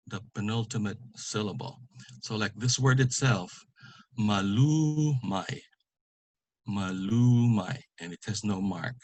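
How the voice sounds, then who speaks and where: A man giving an online language lesson, speaking slowly and carefully and repeating each example word for pronunciation. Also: lowish voice, dry recording. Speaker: language teacher.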